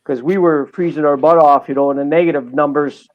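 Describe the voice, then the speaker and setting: A man's voice: a little high, fairly even intonation, brisk. Plain-talking man on a dull line. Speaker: livestream guest. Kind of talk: casual chat.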